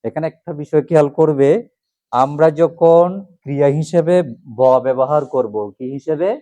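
A man's voice: a little high, fairly even intonation, moderate pace, warm tone, dry recording, lo-fi sound. A man teaching a class, drilling letters one by one and asking questions, then answering them himself. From Bangladesh. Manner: asks questions and repeats answers. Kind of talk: classroom lesson on alphabet pronunciation.

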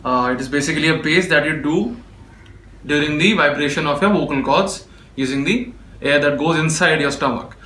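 A man teaches in a patient, step-by-step way, his voice sitting a little high for a man and sounding bright and forceful. He is recorded in a room with clear echo. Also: normal speed, slight background noise. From India. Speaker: beatboxer teaching. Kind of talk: spoken tutorial. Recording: echoey room.

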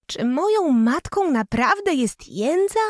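A woman's voice: high-pitched, very animated, slow pace, no room sound, clean studio sound, pitched above the performer's own voice, exaggerated voice. A woman doing a wistful young village girl.

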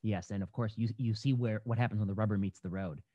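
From home, a young podcast host conducts a conversational interview over a video call on a headset mic, speaking thoughtfully but with lots of fillers and restarts. His voice is on the low side, dark, steady in tone and fast. The video call audio sounds dull and dry.

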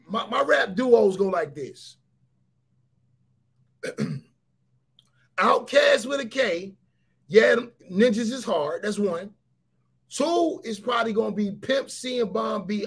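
With a high-pitched voice that has a breathy edge, this man hosts a relaxed livestream and addresses viewers with real intensity. He keeps going back over his points, repeating phrases and frequently raising his voice to shout them.

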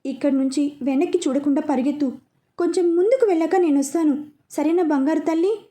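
Soft coaxing young mom, read by a woman, high mellow voice. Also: a little fast, close to an everyday voice. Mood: tender. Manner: soothing, coaxing. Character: worried loving young mother.

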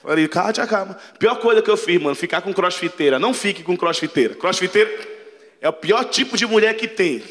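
Brash high-voiced male stand-up comic from Pará. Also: lively intonation, fairly quick, a bit bright. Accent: Pará Brazilian Portuguese. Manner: brash, crude, acts out quoted voices. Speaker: stand-up comedian. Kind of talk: stand-up comedy set. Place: large theater stage with audience. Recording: live theater hall with crowd laughter.

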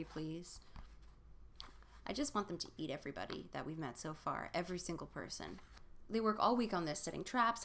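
A woman hosting a comedy show, reading a children's book aloud and recapping it with exasperated, deadpan jokes. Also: lowish voice. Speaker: comedy podcast host. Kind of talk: sarcastic recap and read-aloud of a kids' book.

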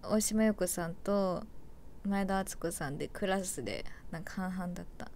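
A woman's voice: mid-range voice, moderate pace, darkish tone, slight background noise. A young woman idol chatting casually on a livestream, rambling and giggly and correcting herself as she goes.

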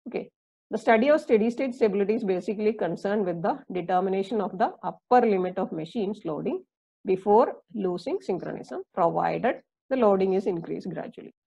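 A woman lecturer with an Indian English accent giving a recorded engineering lesson, explaining slowly, with many fillers and repeats. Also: medium pitch, expressive, vocal fry, mellow, husky, dull audio.

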